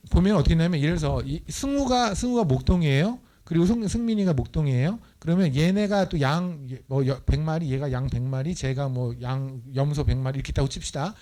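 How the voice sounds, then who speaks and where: A male missionary preaching a lively Bible study sermon in a church, playful and teasing, acting out voices as he explains scripture. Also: fairly high pitch, fairly quick.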